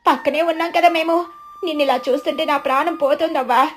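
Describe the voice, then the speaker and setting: Brief: woman playing an anxious young wife, high, loud and urgent, storybook tale. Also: steady tone, a little fast, lightly acted. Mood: alarmed. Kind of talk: storybook narration.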